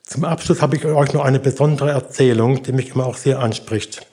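An older man delivers a sermon. His voice is warm and mellow, sitting at a middle pitch. He speaks earnestly and encouragingly, and he acts out the voices when he tells a story. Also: fairly quick. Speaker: preacher.

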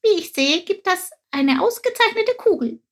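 A woman's voice: extremely high pitch, moderate pace, pitched above the performer's own voice. Chilp, a woman doing a chirpy young sparrow. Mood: friendly. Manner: excited, chirpy questions. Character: eager curious male sparrow chick. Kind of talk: storybook reading.

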